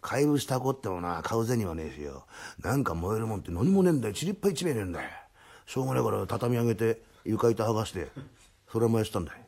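Guy putting on a lazy broke tenant, low and flat, husky. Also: fast, exaggerated voice. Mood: grumbling calmly. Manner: low, unbothered, deadpan. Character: lazy deadpan male tenant, broke carpenter. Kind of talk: comic storytelling.

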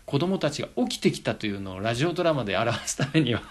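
A male radio interviewer leads his guest with measured, informative questions. His pitch moves in a lively way, though it sits at an ordinary height for a man.

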